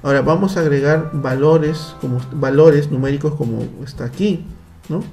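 Gravelly-voiced Peruvian teacher explaining step by step. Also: male voice, a little high, normal speed, dark tone, faint music behind. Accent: Peruvian Spanish. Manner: patient, explains step by step with frequent tag questions. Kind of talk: screen-share computer lesson for children.

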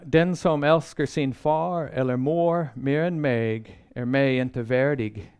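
A man giving a sermon-style Bible lecture, measured and earnest, pausing often and restarting phrases as he thinks. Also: mid-range voice, a little mellow, smooth. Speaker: Bible seminar speaker.

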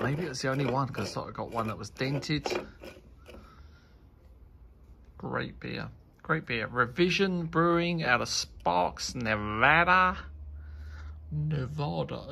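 A man's voice: mid-range voice, fairly quick, creaky, fairly bright tone, breathy edge. A man chatting casually as he reviews a beer, rambling and enthusiastic as he tastes. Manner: rambling, enthusiastic tasting remarks.

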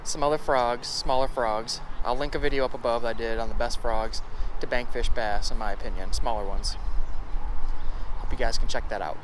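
A man in his thirties vlogging while fishing by a pond, talking excitedly to viewers through an action camera. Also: mid-range voice, moderate pace. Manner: excitable, hypes up catches to viewers. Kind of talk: casual outdoor vlog. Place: outdoors by a pond. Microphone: action camera, selfie framing. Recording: outdoor camera with clear background noise.

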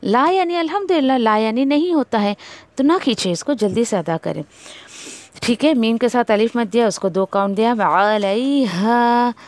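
A woman teaching a Quran recitation lesson, correcting pronunciation by slowly repeating syllables to demonstrate. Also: on the high side, animated, a little mellow, dry recording. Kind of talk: tajweed lesson.

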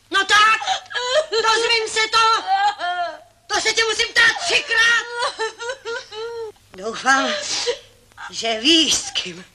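A suspicious older grandmother who scolds her family in a high, fretful voice. The sound comes from a noisy old film soundtrack with a steady hiss. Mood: tearful.

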